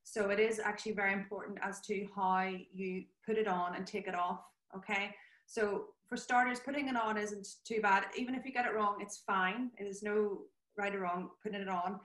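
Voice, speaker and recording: A woman's voice: medium pitch, fairly even intonation, moderate pace, a bit bright. Woman demonstrating in an echoey room. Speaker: scrub nurse giving a demonstration. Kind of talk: practical spoken demonstration. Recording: roomy, echoing sound.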